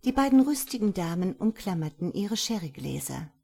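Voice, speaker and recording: A woman reading a story aloud in measured audiobook narration. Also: fairly low pitch, very animated, vocal fry, mellow, slightly rough.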